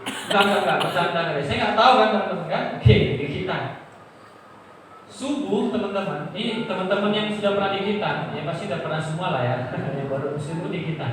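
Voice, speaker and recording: A man telling a convert's testimony to a mosque congregation, animated and jokey, often turning to the audience. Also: sits high, a little fast. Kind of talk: storytelling talk to a congregation. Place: mosque hall. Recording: echoey hall, distant mic, faint noise.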